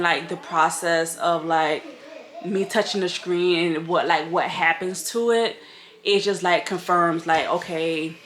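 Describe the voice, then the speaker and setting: A woman's voice: lowish voice, fairly bright tone, roomy sound. A woman vlogging casually at home, rambling with lots of "like" and calling her viewers y'all, her nose a bit stuffy. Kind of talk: casual chat to camera. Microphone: camera mic.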